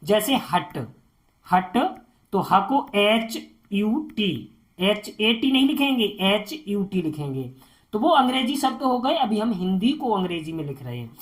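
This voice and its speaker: A woman gives a beginners' spelling lesson at a very slow, deliberate pace. She spells each word out letter by letter, in an ordinary middle-pitched voice. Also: big pitch swings. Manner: spells words out letter by letter, drawn out. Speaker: teacher.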